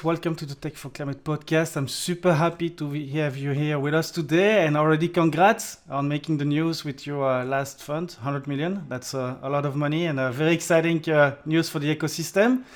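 A man's voice: fairly high pitch, fairly even intonation, normal speed, few pauses. A man hosting a podcast interview, upbeat and talking with frequent fillers. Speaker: podcast host.

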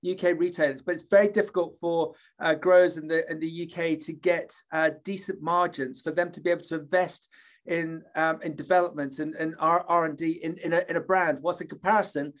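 A man's voice: a little high, steady tone, a little fast. A man from the UK hosting an interview, talking in a rambling, chatty way with many fillers and restarts. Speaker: host, interviewer. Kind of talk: conversational interview.

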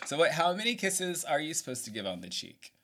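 A man's voice: on the high side, sing-song, brisk, crowd noise. A man hosting a podcast interview, chatting casually and laughing often. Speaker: podcast host.

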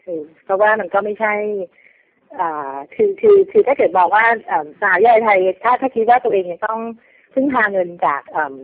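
A woman guest talking fast on a casual phone interview, with many restarts. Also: medium pitch. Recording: tinny phone line.

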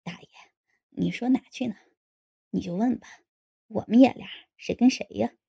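For an audiobook, a woman voices a drunk, gullible married man in a low, husky, exaggerated voice, shifting between sheepish and boastful. The mood is tipsy and bragging. She keeps a moderate pace with a mellow tone.

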